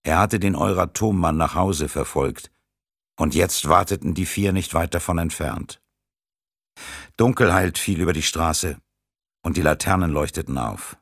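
A man reading a thriller audiobook in a steady, measured narration. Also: low-pitched, husky, dry recording, studio quality.

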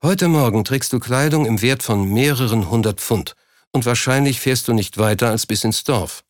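A man's voice: mid-range voice, normal speed, no room sound, clean studio sound, lightly acted. A man voicing a proud curt businessman. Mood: irritated. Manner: curt, slightly irritated. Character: proud driven businessman, middle-aged, terse. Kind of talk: audiobook character voice.

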